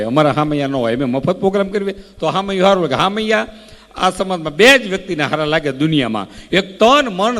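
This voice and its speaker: A man's voice: on the high side, fairly bright tone. A man doing folk stage comedy, telling rustic anecdotes that rise into oratorical bursts. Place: large hall at a community event. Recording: long hall reverb.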